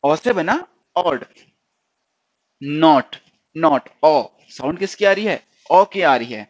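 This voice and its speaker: A male stenography teacher giving a classroom lesson. He explains slowly, repeats sounds and words for the class to drill, keeps checking with "okay?", and says words. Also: a little high, animated, dull audio.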